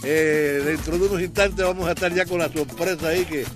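A man's voice: fairly high pitch, fairly even intonation, brisk. Exuberant Cuban man hosting radio. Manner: exuberant, theatrical, joking. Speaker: radio host. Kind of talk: playful morning radio banter. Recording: music bed under the voice.

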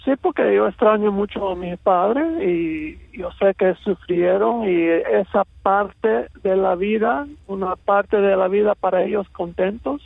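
Creaky-voiced man with American-accented Spanish. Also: high-pitched, dry recording, phone-quality sound. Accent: American-accented Spanish with Cuban roots. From Miami, United States. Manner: halting, hesitant, slips in English words. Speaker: interview guest. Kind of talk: personal storytelling interview.

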